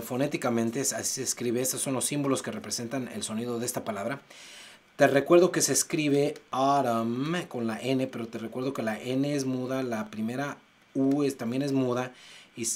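A man teaching English pronunciation, exaggerating sounds slowly to demonstrate them. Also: mid-range voice. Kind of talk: pronunciation lesson. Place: United States.

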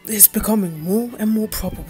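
A woman's voice: mid-range voice, brisk, dark tone, soft background music, close to an everyday voice. A woman playing a genial, commanding lord of the manor in a 1930s radio drama. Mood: confiding.

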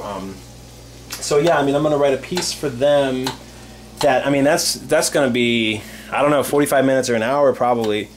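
This young man, a composer, presents a jokey cooking show from his small brick-walled home kitchen, speaking in a mock-earnest, rambling manner heavy with fillers. His voice is medium-pitched and darkish, with a little hiss or hum in the recording.

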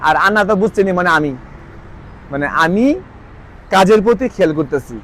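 Man, high-pitched, casual language tutor, repeats each phrase slowly. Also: lively intonation, a bit bright, slight background noise. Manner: repeats phrases slowly, explains with "ঠিক আছে?" checks. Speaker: language teacher. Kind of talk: casual spoken lesson.

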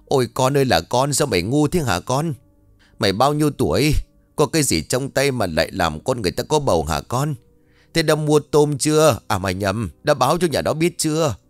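A man's voice: mid-range voice, lively intonation, normal speed, no room sound, soft background music, pitched above the performer's own voice, close to an everyday voice. A man voicing an angry middle-aged village mother who wails and scolds her son. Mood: furious scolding. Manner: scolding, wailing.

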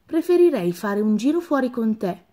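A woman's voice: a little high, big pitch swings, moderate pace, dark tone. A woman voicing a playful, teasing young princess and younger sister in a children's storybook reading. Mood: sulky.

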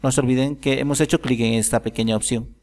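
A man calmly explaining a software tutorial step by step, thinking aloud as he works. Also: medium pitch, quick pace. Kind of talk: screen-recorded software tutorial.

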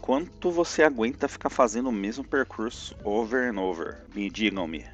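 A man with a Brazilian Portuguese accent giving lively live commentary on a platform game, yelping and groaning at each jump. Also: on the low side, moderate pace. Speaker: streamer playing a platform game.

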